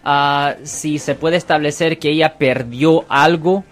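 A man's voice: a little high, steady tone, a little slow. Patient male lawyer on a call-in radio show. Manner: explains plainly and patiently, says Ok often. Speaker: radio host, lawyer answering callers. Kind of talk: call-in legal advice show.

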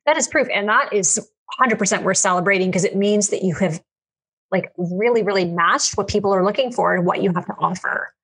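A woman co-host with a slightly husky, mid-pitched voice, talking business in an earnest, emphatic way. She circles back to her main points and repeats them to drive them home. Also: steady tone, fairly quick, fairly bright tone. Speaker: podcast co-host, business coach. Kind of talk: casual chat.

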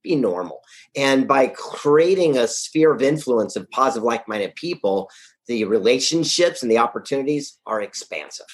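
A man's voice: medium pitch, animated, moderate pace. A man being interviewed as a guest, talking in an upbeat, punchy and blunt way. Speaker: guest, author and event founder. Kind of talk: casual interview talk. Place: Carlsbad, California.

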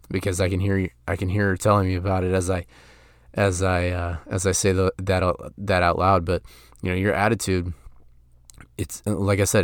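A man's voice: sits low, no room sound, studio quality. A man in his thirties hosting a motivational podcast, talking earnestly with many restarts and fillers. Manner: earnest, frequent restarts and "you know" fillers. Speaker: podcast host.

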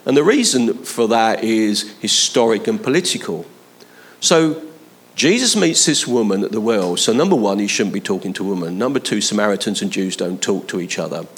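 Male preacher, animated swooping pitch, chatty sermon, emphatic appeals. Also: moderate pace, breathy edge. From London, England. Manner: conversational, with emphatic rising appeals to the listener.

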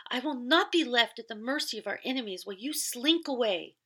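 A woman reading aloud and voicing a proud, high-strung lady of the house who speaks in a shrill, raised voice. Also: expressive, moderate pace, fairly bright tone. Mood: furious. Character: proud, frantic lady of the house, middle-aged.

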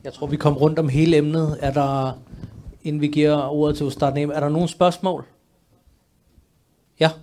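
A man's voice: a little high, level tone, long pauses, a little mellow, a little hiss or hum. A man moderating a talk, brief and direct as he opens the floor for questions.

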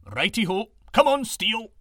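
A man's voice: high-pitched, very animated, moderate pace, a bit bright, no room sound, studio quality, voice pushed up, heavily acted. A man voicing a cheerful, eager male dog in a storybook reading, with a chummy, hearty manner.

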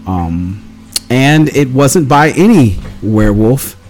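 A man at a mid-range pitch recaps a tabletop game session in loose, meandering storytelling, dropping into quoted lines as he goes. Faint music sits quietly underneath his voice. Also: lively intonation, slow. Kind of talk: casual campaign recap.

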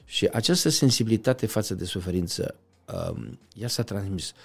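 A middle-aged man talking as an interview guest, passionate, swinging from loud outbursts to quiet reflection. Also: fairly low pitch, animated. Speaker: podcast guest. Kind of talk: conversational interview.

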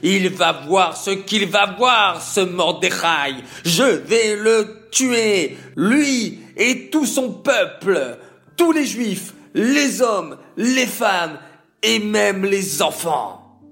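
Villain: arrogant, furious prime minister, shouting and gloating, pitched high above the male narrator's own voice. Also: expressive, takes it slowly, faint music behind, full character voice.

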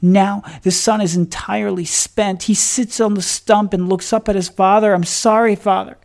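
A man's voice: high-pitched, little pitch movement, moderate pace, creaky, darkish tone. A man hosting a podcast, giving a motivational religious talk with emphatic, repetitive phrasing that builds through stacked lines.

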